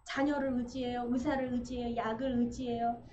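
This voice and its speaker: High-voiced woman preaching animatedly. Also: fairly quick. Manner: animated, acts out quoted voices with shouts. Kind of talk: sermon. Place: church sanctuary. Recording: roomy, slightly dull livestream with faint hiss.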